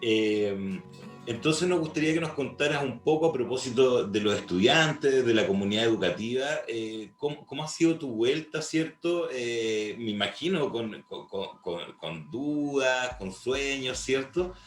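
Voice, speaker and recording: Medium in pitch, animated and measured, the voice belongs to a Chilean-accented interview host. He's semi-formal and somewhat hesitant, adding tag questions often, with music in the background of an echoey room.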